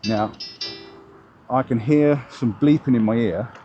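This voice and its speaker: The audio sounds dull and faint music can be heard as a man with a mid-range voice speaks at a measured pace, casually demoing gear for his vlog and reasoning aloud. He begins on a bike outdoors before heading indoors.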